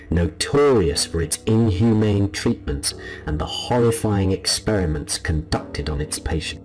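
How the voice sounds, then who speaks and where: A man narrating a scripted scary story as a storyteller, in a low, haunting and ominous delivery. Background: music behind the voice.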